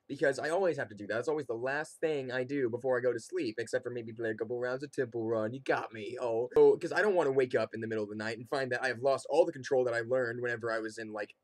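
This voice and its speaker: A young man with a mid-pitched voice tells a comic personal story in a casual, conversational way. He is animated and slips into quoted reactions as he goes. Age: young adult. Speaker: comedic storyteller.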